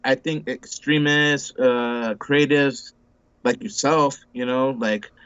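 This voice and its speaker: A smooth, slightly bright mid-range voice belongs to a man in his forties who takes it slowly with fairly even intonation, recorded muffled but echo-free. As a laid-back interview guest he chats casually, rambling with restarts and repeated words and saying bro and dude a lot.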